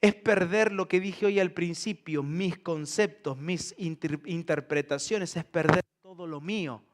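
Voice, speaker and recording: A man's voice: high-pitched, a little slow. A man pastor, preaching a sermon to his congregation, humorous and full of rhetorical questions. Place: church service before a congregation.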